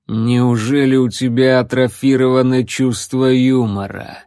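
Unhurried, sneering necromancer, as a male reader puts him on; drawn-out sarcasm, dry close sound. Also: medium pitch, level tone, warm tone, smooth, no room sound, natural voice. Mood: mocking. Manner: slow, measured, mocking. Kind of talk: audiobook character voice.

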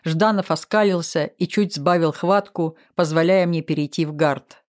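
A man's voice: a little high, steady tone, moderate pace. A man steadily narrating a first-person audiobook.

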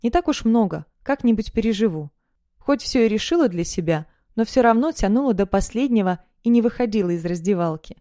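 Mellow-voiced woman narrating an audiobook. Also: mid-range voice, lively intonation, a little fast, no echo, clean studio sound. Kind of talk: first-person audiobook narration.

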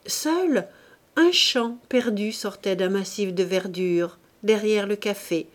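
A woman narrating a classic novel as an audiobook reader, in a measured, expressive reading. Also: mid-range voice. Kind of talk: scripted narration.

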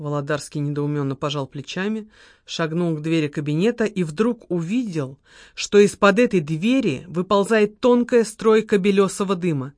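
A woman narrating an audiobook in a steady, measured way. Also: on the low side, dry recording, studio quality. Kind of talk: scripted narration.

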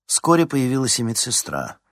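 A man's voice: mid-range voice, huge pitch swings, moderate pace, no echo, studio quality. A man reading a novel aloud as scripted narration, giving each character a voice. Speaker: audiobook narrator.

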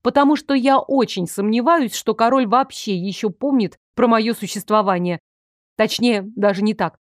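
A woman reading a first-person audiobook in a lively, ironic, expressive way. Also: on the high side, moderate pace, dry recording, clean studio sound. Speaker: audiobook narrator.

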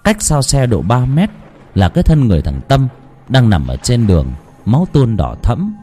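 A man narrating a ghost story in a dramatic, hushed storytelling manner. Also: mid-range voice, huge pitch swings, normal speed, breathy edge, soft background music.

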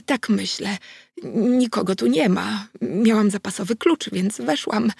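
A woman's voice: medium pitch, measured pace, creaky, darkish tone, husky, no echo, studio quality, pitched above the performer's own voice, full character voice. A woman reading the lines of an anxious elderly woman with a trembling voice in an audiobook. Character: anxious elderly woman reporting her missing neighbour.

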